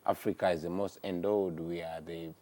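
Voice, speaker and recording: A man's voice: sits low, little pitch movement, moderate pace, mellow. A man from Uganda, a musician guest speaking earnestly in a TV morning show interview. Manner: earnest, speaks in sweeping statements. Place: TV studio.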